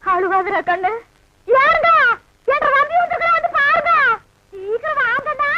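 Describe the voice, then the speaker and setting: An actress playing a doting village wife and elder sister with a sing-song, pleading way of speaking. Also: female voice, extremely high pitch, expressive, fairly quick, very noisy. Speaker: housewife in a comedy film. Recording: dull lo-fi film soundtrack.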